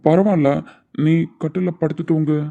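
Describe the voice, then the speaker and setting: A woman voicing a shy, hesitant young husband in a low, gravelly voice. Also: fairly even intonation, moderate pace, dark tone, muffled recording. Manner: hesitant, trailing off.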